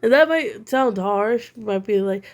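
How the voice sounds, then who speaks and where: Speaking at home, a woman offers critical, blunt opinion commentary full of filler words, her throat still troubling her from being a little sick. She's an online commentator with a medium pitch, lively intonation and a slightly slow pace.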